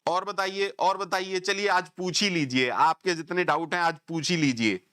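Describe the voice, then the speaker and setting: Teacher, male, bright and clear, sarcastic, scolding lecturer. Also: sits high, normal speed. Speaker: programming teacher. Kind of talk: online coding lecture.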